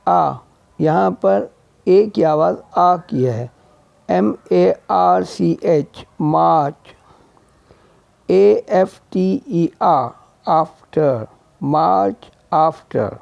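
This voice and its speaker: A man teaches English vowel sounds at a very slow, deliberate pace, spelling out each word and saying it again and again. His voice is warm and gravelly. The recording is dry and dull, with a lo-fi sound. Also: sits high, no room sound. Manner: spells words letter by letter and repeats them. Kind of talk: slow spelled-out phonetics lesson.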